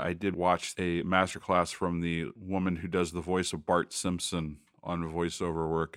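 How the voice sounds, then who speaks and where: A man's voice: low-pitched, fairly bright tone, no room sound, studio quality. A man co-hosting a podcast, talking in an easygoing, dryly joking way. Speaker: podcast co-host and voiceover artist. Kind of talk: casual chat.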